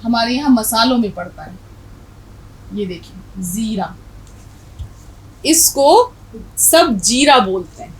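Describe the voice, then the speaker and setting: A woman Urdu teacher with a North Indian Urdu accent, explaining pronunciation as she spells words out slowly letter by letter. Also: a little high, a little hiss or hum, rough recording. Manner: stresses correct pronunciation, asks the viewer questions. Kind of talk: explaining a lesson.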